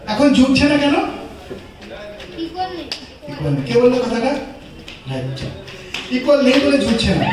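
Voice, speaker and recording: A middle-aged magician man works the room with showy patter, his voice leaping high and low as he counts out his tricks. He is caught from a distance by a far camera, with heavy echo and a clear crowd murmuring behind him. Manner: showy, mixes English counting and patter into Bengali. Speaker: stage magician. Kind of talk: live magic show patter to an audience.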